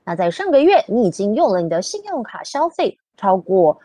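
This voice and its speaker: A slow, flat female robot voice reads out a bank notice word by word, with a woman teacher putting it on. The sound is dry and close, with no room echo. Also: medium pitch. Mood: mechanical. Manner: slow, flat machine-like reading. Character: female robot voice reading a bank text message. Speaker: bilingual English teacher co-host.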